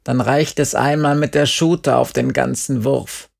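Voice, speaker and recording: A man voicing a stubborn, weary old farmer in an audiobook, speaking in a slow, drawn-out grumble. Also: medium pitch, steady tone, vocal fry. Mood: matter-of-fact. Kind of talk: audiobook character voice.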